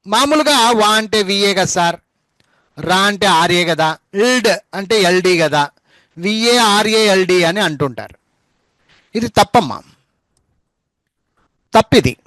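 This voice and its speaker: Brief: high-pitched male teacher, patient repeater, dry close sound. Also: lively intonation, a bit bright, dry recording, low-quality recording. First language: Telugu. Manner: spells words out letter by letter, repeats words slowly. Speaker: English teacher. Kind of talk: spoken English lesson.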